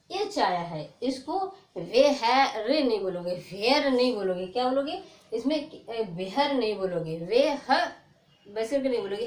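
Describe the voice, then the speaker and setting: High-voiced woman teaching in an echoey room. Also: darkish tone. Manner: repetitive, quizzing questions, slow stressed examples. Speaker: English teacher. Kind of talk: board lesson explaining pronunciation rules.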